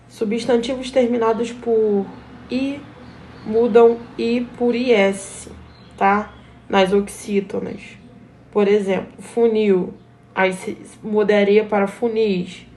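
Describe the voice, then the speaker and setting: A woman's voice: mid-range voice, a little mellow, a little hiss or hum. A woman teacher with a Brazilian accent who gives a grammar lesson step by step and often checks in with the class. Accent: Brazilian Portuguese. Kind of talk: recorded grammar lesson for pupils.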